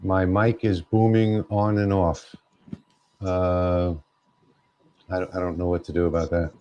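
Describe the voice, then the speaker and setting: A man's voice: sits low, level tone, a little slow, darkish tone. A man hosting a casual livestream from a home laser workshop, chatty and thinking aloud on a wireless mic. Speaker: livestream host. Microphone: wireless clip-on mic. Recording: slightly muffled livestream audio.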